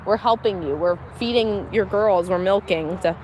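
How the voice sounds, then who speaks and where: In a rough recording with faint outdoor noise, a woman with a medium-pitched, slightly mellow voice talks at normal speed. She's a homestead livestreamer from Pennsylvania with a light accent mixed with general American, chatting candidly and laughing often as she does chores with her cows outside.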